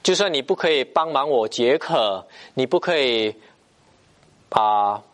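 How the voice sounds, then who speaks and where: A man preaching a sermon, emphatic and repetitive, pausing often to stress his points. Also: mid-range voice, lively intonation, fairly bright tone.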